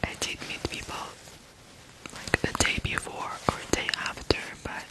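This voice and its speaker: Speaking in a breathy whisper, an ASMR host from Ukraine recounts true crime stories in deliberate phrases broken by pauses.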